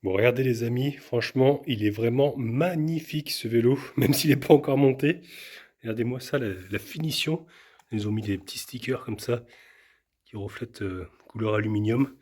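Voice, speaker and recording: Husky, chatty man unboxing a bike. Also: mid-range voice, moderate pace, a little mellow. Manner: enthusiastic, chatty, lots of fillers and repeated words. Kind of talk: casual unboxing vlog.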